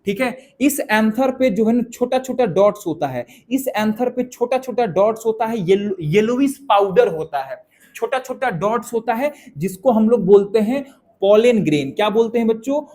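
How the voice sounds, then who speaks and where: High-voiced male teacher drilling a class. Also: expressive, normal speed, dark tone. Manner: drills students with call-and-response questions; scolds students sharply when they laugh. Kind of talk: classroom lecture. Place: classroom with students.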